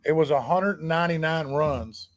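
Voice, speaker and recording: High-voiced man telling road stories. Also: normal speed. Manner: animated, profane, tells stories with acted-out dialogue. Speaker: podcast guest. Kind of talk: casual storytelling.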